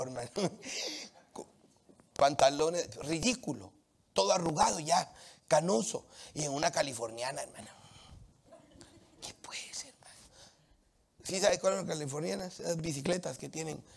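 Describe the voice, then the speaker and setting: A man from Latin America preaching a sermon, animated and emphatic, with humorous anecdotes from the street. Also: a little high, moderate pace, creaky, pauses often, slightly rough.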